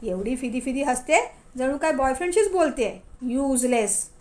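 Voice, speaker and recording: Storybook part: woman reading as an irritable young heir, snappy and sarcastic, high voice. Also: lively intonation, normal speed, a little mellow. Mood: grumbling. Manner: short-tempered, sarcastic. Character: irritable young man, boss's son.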